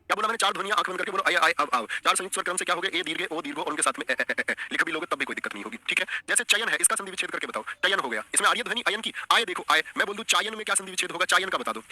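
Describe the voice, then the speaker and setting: A man's voice: fairly high pitch, pushed and bright, no echo. A man teaching an online exam-prep lesson, coaxing the class and repeating his questions.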